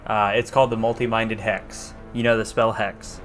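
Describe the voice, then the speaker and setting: A man with a fairly low voice acts as game master, narrating and explaining rules in a casual way. Music plays behind him. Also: level tone, normal speed. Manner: casual swearing.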